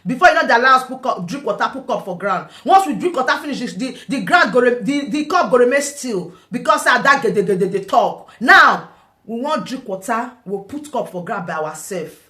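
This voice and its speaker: A woman's voice: a little high, lively intonation, brisk, pushed and bright. A Nigerian woman commenting on a vlog, combative and taunting, firing off rhetorical questions. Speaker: online political commentator. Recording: echoey room.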